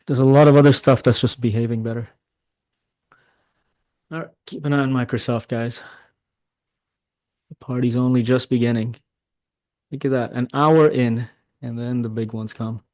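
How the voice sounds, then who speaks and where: Middle-aged male trading mentor, live market commentary, excitable, chats with viewers, dry close sound. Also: medium pitch, normal speed, pauses often, no echo. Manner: excitable, talks to chat, swears when frustrated.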